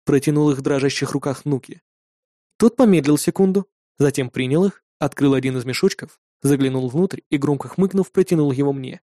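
Man narrating a fantasy story, mellow. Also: medium pitch, brisk, no echo, studio quality. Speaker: audiobook narrator. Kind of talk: first-person fantasy narration.

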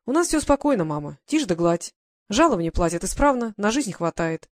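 Reading an audiobook, a woman portrays a calm young male guard sergeant offering his mother steady reassurance. Her pitch is medium, her pace a little fast, and the acting is light.

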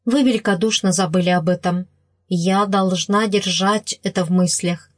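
A woman voicing a sorrowful young woman from a storybook who has been wronged and speaks with slow, tearful restraint. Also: medium pitch, steady tone, no echo, studio quality, natural voice.

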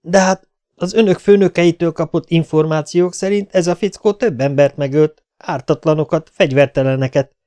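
A man's voice: a little high, mellow, pitched above the performer's own voice, close to an everyday voice. A man reading an audiobook, voicing a genial, self-assured male border captain who can turn firm. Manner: affable, then firm and curt.

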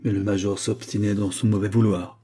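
Male audiobook narrator, mellow and husky, measured first-person storytelling. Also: lowish voice, flat delivery.

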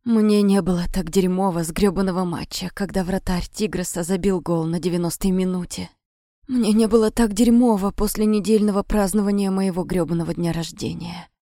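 A woman's voice: lowish voice, fairly even intonation, a little fast, dark tone, no room sound, studio quality, close to an everyday voice. A woman voicing a hungover, crude bald man who groans and swears, in an audiobook reading. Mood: groaning.

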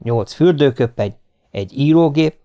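A man's voice: medium pitch, expressive, dark tone, clear, resonant tone. A man reading a humorous family novel aloud as narrator, in a dry, mock-solemn storytelling manner. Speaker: audiobook narrator. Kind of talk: scripted narration.

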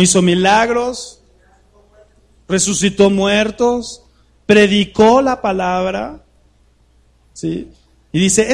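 Male preacher, light high voice, chatty sermon style, keeps asking the room questions. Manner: conversational preaching full of rhetorical questions to the congregation. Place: church hall with a live congregation.

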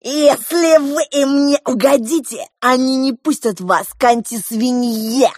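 Cruel old male clown, storybook villain, shrill and theatrical; woman plays it. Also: unhurried, no room sound, studio quality. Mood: gloating. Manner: shrieking, whining, theatrical. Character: cruel grey-haired male fake clown, shrill and mocking.

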